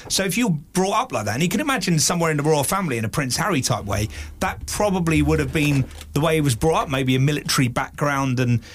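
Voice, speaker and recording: A man's voice: fairly high pitch, animated, quick pace. A man hosting a podcast in a reflective, casual chat, asking questions to steer the talk. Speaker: podcast host.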